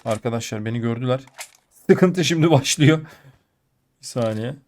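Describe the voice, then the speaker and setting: A sick man with a blocked nose and a muffled, nasal voice, giving excitable gameplay commentary that jumps between muttering and outbursts. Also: mid-range voice, normal speed, noisy background. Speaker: mobile game player.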